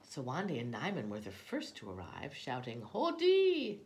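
A woman reads a children's picture book aloud, with an expressive storytelling manner. Her voice sits low. It rises and falls in a lively way. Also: moderate pace. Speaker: storybook reader.

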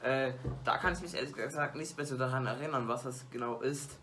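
A teenage YouTuber sits in a small bedroom lit by colored lights, talking straight into his desk webcam for a casual vlog ranking movies. His bright, mid-pitched voice is brisk as he rambles chattily, tripping over fillers and restarts. A faint hiss of room noise runs underneath.

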